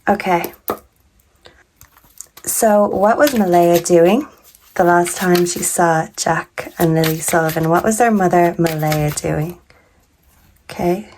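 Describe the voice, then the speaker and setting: A woman doing a casual tarot reading, her voice deeper than usual because she is sick, talking in a halting way and sometimes stumbling over words. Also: darkish tone, slight background noise. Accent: Canadian. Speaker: tarot reader.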